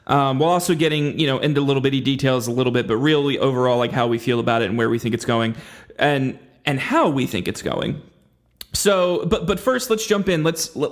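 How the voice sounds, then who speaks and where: A man hosting a podcast in casual chat, joking and teasing his guest and rambling with frequent restarts. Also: on the high side. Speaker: podcast host.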